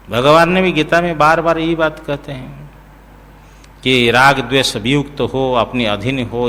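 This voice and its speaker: A man as a spiritual teacher, giving a scripture discourse in a slow, explanatory way, chanting verses and checking that listeners follow. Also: mid-range voice, a bit bright, in a large hall.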